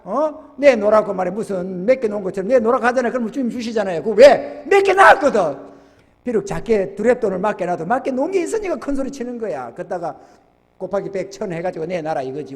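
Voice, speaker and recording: A male pastor preaching a sermon, telling folksy stories with sudden loud outbursts. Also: high-pitched, animated, fast. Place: church sanctuary. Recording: church hall with long reverb.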